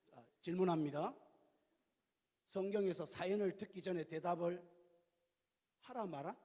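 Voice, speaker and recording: A male pastor in his fifties preaching a sermon, telling stories in a lively, colloquial way with questions to the congregation. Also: sits high, unhurried. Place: church sanctuary. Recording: reverberant church hall.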